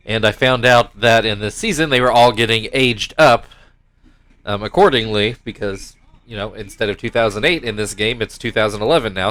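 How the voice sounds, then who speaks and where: A gaming YouTuber, a young man with a stuffy nose, casually commentates his own baseball video game league. His middle-pitched, slightly bright voice shifts between rambling, self-correcting asides and mock play-by-play calls.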